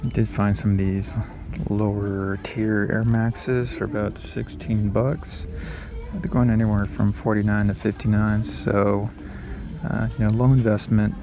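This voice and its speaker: A lowish, level, unhurried voice belongs to this sneaker reseller in his thirties, chatting easily for his vlog with plenty of fillers. He films himself on a phone at arm's length, in his parked car and inside retail stores.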